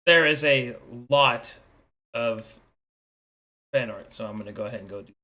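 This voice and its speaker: A man's voice: mid-range voice, normal speed, bright, forceful tone. A man talking casually to players and listeners as host and game master of a tabletop role-playing show.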